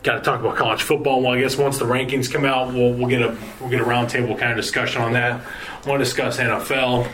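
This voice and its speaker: A man's voice: mid-range voice, flat delivery, a bit bright, rough recording. Tired, rambling male podcast host. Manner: rambling, halting sign-off with many fillers. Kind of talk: casual sports podcast chat.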